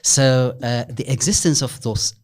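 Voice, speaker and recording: A man from Ethiopia, a senior lecturer interviewed as a guest, speaking thoughtfully and haltingly with many fillers. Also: medium pitch.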